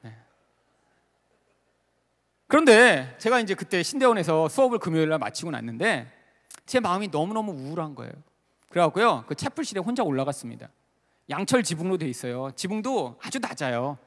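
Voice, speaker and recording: Pastor guy preaching, high voice all over the place, big echoey hall. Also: brisk, long pauses. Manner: animated, emotional storytelling with frequent fillers. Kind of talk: sermon with personal storytelling. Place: large worship hall at a retreat. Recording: long reverb of a large hall.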